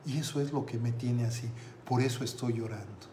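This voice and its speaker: A grieving old lama speaks slowly and sadly, as a storyteller lightly puts him on. The voice sits at an ordinary middle pitch. A roomy echo surrounds it, with faint background hum. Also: male voice, dark tone, natural voice. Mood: ashamed. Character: tearful old male lama fearing judgment.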